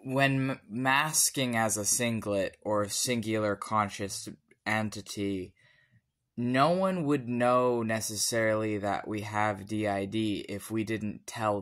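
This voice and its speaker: Slow, deliberate, slightly tipsy man. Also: lowish voice, fairly bright tone. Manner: deliberate, solemn, formal phrasing. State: tipsy from alcohol. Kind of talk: personal monologue.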